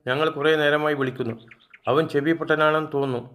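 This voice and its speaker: A man's voice: a little high, steady tone, fast, a bit bright, close to an everyday voice. A man voicing an old grandmother who chides and coaxes her grandson in a told story. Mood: scolding. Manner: chiding, coaxing. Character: fond but scolding old grandmother.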